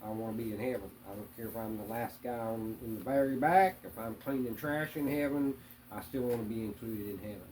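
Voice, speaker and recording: A man answering interview questions in a hesitant, plainspoken way, with many pauses and fillers. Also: lowish voice, a little mellow, a little hiss or hum, low-quality recording. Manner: hesitant, many ums and uhs; plainspoken, religious. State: hiccups.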